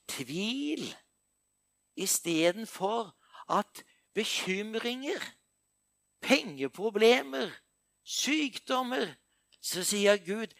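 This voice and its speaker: Older man, preacher, sermon, high-pitched, dry recording, hushed and emphatic by turns. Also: no room sound. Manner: intimate, swings from hushed to emphatic.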